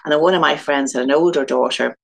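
Irish woman guest, quick, chatty, gravelly edge, laughs a lot as she tells stories. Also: low-pitched. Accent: Irish (Dublin). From Ireland (Dublin). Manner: chatty, laughs often, rambling storytelling. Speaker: guest author. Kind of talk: casual interview chat.

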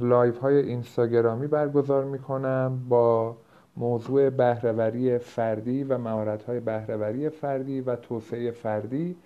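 Low-bitrate recording of a man podcasting. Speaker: productivity coach and podcast host. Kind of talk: informal explanatory podcast talk. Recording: low-bitrate, dull lo-fi home-edited audio.

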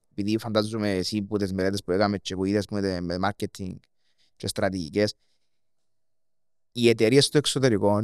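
A man with a Cypriot Greek accent hosting a casual interview, speaking haltingly in short fragments. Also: lowish voice, clear, resonant tone, dry recording, clean studio sound. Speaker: podcast host.

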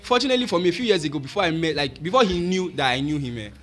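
A Nigerian man hosting a casual podcast, speaking slangy English mixed with Pidgin and often repeating his phrases excitedly. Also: a little high, racing, faint music behind. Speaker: podcast host.

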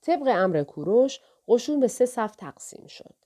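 A woman narrating an audiobook of a historical novel in a steady, measured reading. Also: on the high side.

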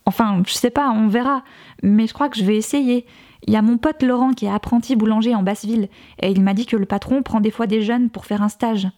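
A woman's voice: a little high, steady tone, brisk, warm tone, close to an everyday voice. A woman reading aloud voices an easygoing young man who talks in a casual, offhand way.

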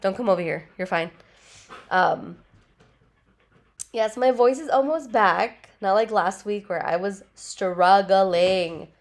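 A woman's voice: medium pitch, slow pace. A woman hosting her own podcast from home in a casual, rambling way, swearing freely and saying "like" a lot, her nose still stuffy and her voice just back after a cold. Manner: chatty, swears freely, leans heavily on "like". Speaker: podcast host. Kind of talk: casual solo podcast chat. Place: at home with her dogs nearby.

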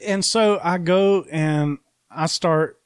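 A man in his thirties with a slightly higher voice tells his own story in a frank, plainspoken way. The recording is dry and close, with no room sound. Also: takes it slowly, smooth, no echo. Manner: frank, plainspoken, swears casually. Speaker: guest, army veteran. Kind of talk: candid conversational storytelling.

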